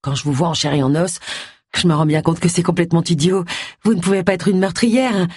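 A woman's voice: fairly low pitch, a little fast, breathy edge, no echo, clean studio sound. Woman reading an eager young male detective. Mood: earnest. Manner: earnest and flattering.

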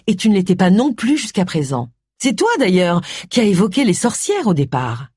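A woman's voice: mid-range voice, sing-song, normal speed, a little mellow, husky, no echo, clean studio sound. A woman voicing a stubborn, matter-of-fact woman detective in an audiobook. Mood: firm.

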